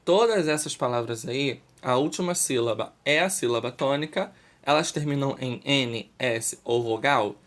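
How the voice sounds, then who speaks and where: A man with a Brazilian Portuguese accent teaching a Spanish lesson to school students, explaining slowly and often checking understanding with "ok?". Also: mid-range voice, a bit bright. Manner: slow and deliberate, checks understanding with "ok?".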